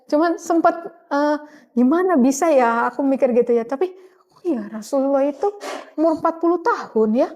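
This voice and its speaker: A woman's voice: sits high, moderate pace, darkish tone, dull audio. A middle-aged woman, telling her story as an interview guest in a casual, chatty way with frequent laughs and fillers.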